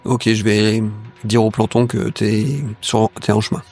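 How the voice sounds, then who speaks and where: A man playing a tabletop role-playing game, improvising his lines and actions in a hesitant, measured way. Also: on the low side, little pitch movement, a little mellow, soft background music. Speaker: tabletop role-play player. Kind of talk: improvised in-character play and narration.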